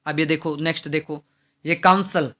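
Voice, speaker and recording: Bright-voiced male teacher, Indian English. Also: on the high side, steady tone, moderate pace. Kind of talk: classroom lesson explaining vocabulary.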